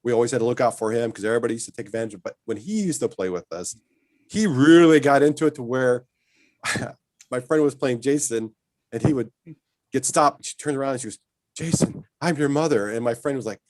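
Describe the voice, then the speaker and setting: A man telling lively stories as a guest in a casual chat, often laughing as he talks. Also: mid-range voice, fast talker, no echo. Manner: animated storyteller, laughs while telling stories.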